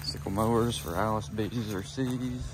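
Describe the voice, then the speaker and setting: A man's voice: fairly low pitch, fairly even intonation, moderate pace, noisy background. A young man giving offhand, laid-back commentary as he walks an outdoor farm auction, filming on a phone. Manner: laid-back, offhand remarks while walking. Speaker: vlogger touring an auction. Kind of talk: casual walk-around commentary. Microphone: phone camera held while walking.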